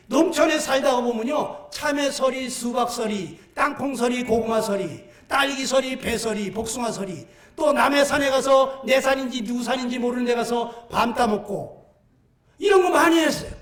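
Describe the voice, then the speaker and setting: Animated older man preaching in echoey church. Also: very high-pitched. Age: 60s. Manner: animated storytelling with shouted bursts and acted-out voices. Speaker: pastor. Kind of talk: sermon. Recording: echoey church sound from a distant mic.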